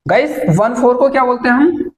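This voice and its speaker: A woman teaching spoken English, counting numbers slowly and explaining patiently. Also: sits high, reverberant, rough recording. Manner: slow, drawn-out counting of numbers; explaining patiently to her viewers. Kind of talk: classroom lesson.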